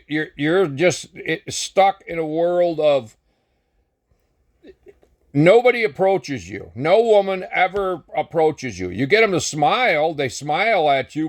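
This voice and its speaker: A man's voice: fairly high pitch, lively intonation, a little slow. An older American man telling a long, rambling dating story in a casual, blunt and sometimes profane way. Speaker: vlogger.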